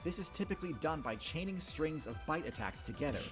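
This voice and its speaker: A man's voice: fairly high pitch, animated, fast talker. A man delivering scripted narration in the style of a documentary explainer. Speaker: video narrator. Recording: clear music bed behind narration.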